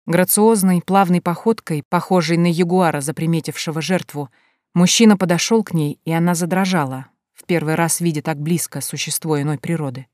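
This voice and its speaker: Woman narrator, measured audiobook reading, low voice, dry close sound. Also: a little mellow, dry recording. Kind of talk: scripted narration.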